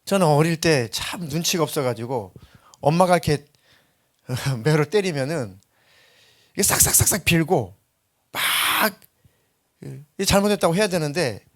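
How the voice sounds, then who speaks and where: A man's voice: expressive, unhurried, long pauses. A middle-aged man preaching a sermon as pastor, telling stories and acting out the quoted voices. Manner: storytelling, acting out quotes with sudden high-pitched bursts.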